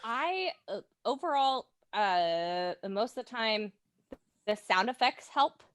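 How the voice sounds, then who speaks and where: A woman who listens to the show joins a casual podcast chat about games as a guest. Her high-ish voice is animated, slow, and clean in tone, and she speaks informally while acting out little reactions and imitating sound effects.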